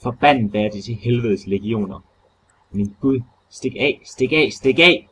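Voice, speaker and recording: A man's voice: on the low side, a little mellow, slight background noise, close to an everyday voice. A man voicing a terrified man trapped in a crypt who frantically pleads with his friend to flee, talking with breathless urgency. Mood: screaming.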